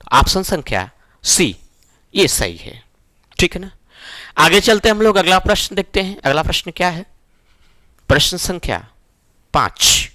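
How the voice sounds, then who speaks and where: Male grammar tutor, middle-aged, explains methodically with frequent check-ins, higher pitch, dry recording. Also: big pitch swings, unhurried, pauses often, bright, forceful tone, dry recording. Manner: explains step by step, often asks "ठीक है ना?". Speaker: teacher. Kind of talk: exam-prep Hindi grammar lesson.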